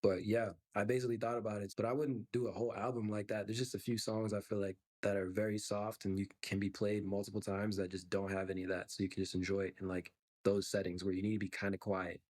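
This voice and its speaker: A young man, a musician guest on a podcast, answers interview questions fast and with few pauses. His lowish, darkish voice has a flat delivery. He comes across as easygoing and reflective, using lots of fillers.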